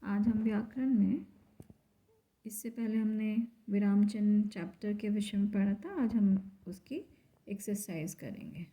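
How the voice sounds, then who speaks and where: A woman teacher, going through a grammar lesson slowly and step by step, asking and answering her own questions. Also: medium pitch, dark tone. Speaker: school teacher.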